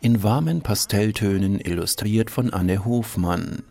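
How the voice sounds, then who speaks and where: A man with a somewhat low voice reads a scripted radio review. His delivery is measured and even. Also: creaky. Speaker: radio critic.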